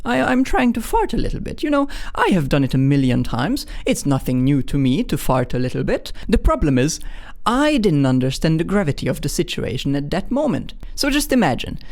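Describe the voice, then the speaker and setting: A man's voice: on the high side, wildly swooping pitch, brisk, creaky, darkish tone. A young man in his twenties with a Hungarian accent tells a personal story straight to the camera. His voice swings freely up and down. He is candid and self-mocking, and he often stumbles and restarts his sentences. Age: 20s. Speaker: vlogger.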